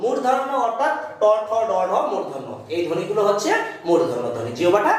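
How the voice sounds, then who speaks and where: A man's voice: high voice, huge pitch swings, fast. A man teaching a lesson, asking his students questions, answering them himself and repeating points as a drill. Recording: very echoey room.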